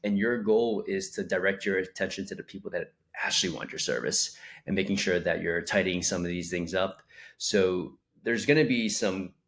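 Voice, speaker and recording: A man's voice: low voice, moderate pace, fairly bright tone, slight background noise. A young man co-hosting a casual podcast about physical therapy business, rambling and acting out caller quotes.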